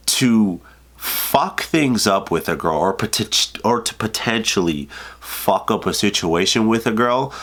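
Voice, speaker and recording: A man in his twenties, nasal with a cold, records a casual advice vlog on dating. His low-pitched voice carries a slight brightness, and he rambles loosely, swearing and filling gaps with filler words.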